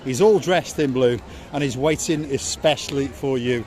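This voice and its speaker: A vlog host from North Wales with a Welsh accent guides a camera along a busy harbour front on an evening walk, joking and chatting cheerfully with strangers. His medium-pitched voice is darkish and moderately paced, with a little hiss or hum on the recording and crowd chatter in the background.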